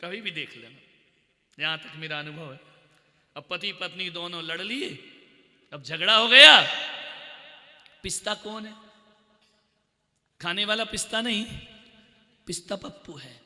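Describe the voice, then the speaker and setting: A high-pitched preacher with a piercing, forceful tone tells a humorous sermon story. He acts out family quarrels in different voices and sometimes breaks into shouts. His voice rings through an echoing hall with a long reverb tail. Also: measured pace, long pauses.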